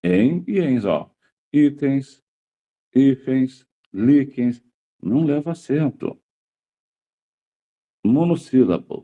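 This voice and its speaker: A man's voice: mid-range voice, phone-quality sound. A male teacher giving a grammar lesson to a class, repeating key words and checking in with the students after nearly every point.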